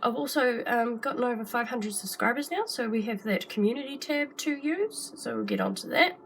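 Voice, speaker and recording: A woman's voice: fairly high pitch, expressive, normal speed, slight background noise. A woman in her thirties, chatty and rambling with fillers and laughs, vlogging casually from her home art desk while her voice sounds sick. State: sick, rough voice. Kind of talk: casual vlog to camera.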